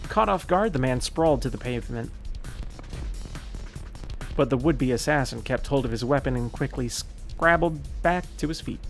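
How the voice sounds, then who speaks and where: A male streamer reads a game's story text aloud at a steady pace. His voice is mid-pitched and plain, and he trips over a word now and then, then corrects himself. Faint music sits low behind him. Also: normal speed, pauses often. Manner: steady narrating read with occasional slips and self-corrections. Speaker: gaming streamer. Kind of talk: reading a visual novel aloud.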